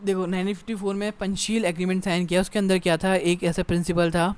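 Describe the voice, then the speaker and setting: A young male teacher with a smooth, clear, slightly high voice and a level tone gives an exam-prep lecture in Hindi mixed with English. He reads English passages slowly, then explains them in an easy, conversational way, often saying "theek hai".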